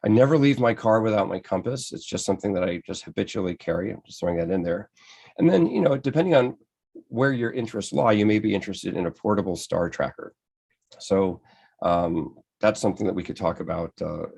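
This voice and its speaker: An American photography presenter gives a club lecture from slides, enthusiastic and conversational but frequently restarting his sentences. His voice is low, gravelly, a little mellow, and slightly rough.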